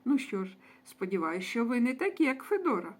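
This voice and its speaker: A woman's voice: on the high side, sing-song, fairly quick. A woman closing a lesson for young children, speaking to them affectionately and praising them. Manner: affectionate, addresses children as dear ones. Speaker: preschool teacher.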